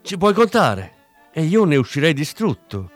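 A man's voice: on the high side, very animated, moderate pace, faint music behind, pitched above the performer's own voice. A man doing a hard, furious cop. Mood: cold menace. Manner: cold, cutting threats. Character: hard, angry male police officer.

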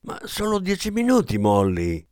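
A man reading the part of a kind young wife, coaxing and sincere, voice raised high. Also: wildly swooping pitch, moderate pace, a little mellow, dry recording, studio quality.

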